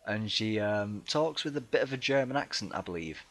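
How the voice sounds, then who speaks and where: A man with a somewhat low voice walks through a strategy game in casual commentary. He talks hesitantly, filling gaps with ums and restarting sentences. He pokes fun at himself in a chatty, easygoing way. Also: lively intonation, normal speed, a bit bright. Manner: self-deprecating and chatty. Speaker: let's play gamer.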